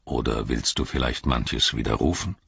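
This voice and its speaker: A man voicing an old male wizard who answers in a calm, low, measured way. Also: creaky, husky, no room sound, highs cut off, exaggerated voice.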